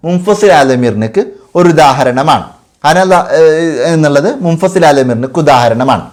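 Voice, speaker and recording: A man's voice: on the high side, expressive, moderate pace. A man teaching an exam revision lesson patiently, repeating key terms and asking and answering his own questions. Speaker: madrasa teacher.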